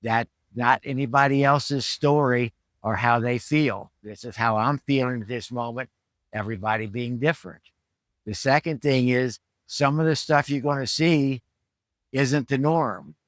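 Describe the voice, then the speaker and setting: A fitness trainer and rehab vlogger in his seventies explains things in a casual, instructional vlog recorded at home. He speaks plainly, in a mid-range voice a little on the slow side, and the audio has no echo.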